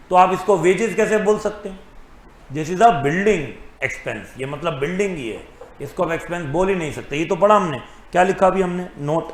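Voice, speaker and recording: A man teaching accounting in a classroom lecture, asking the class questions and answering them himself, with English terms mixed in. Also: fairly high pitch. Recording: echoey classroom.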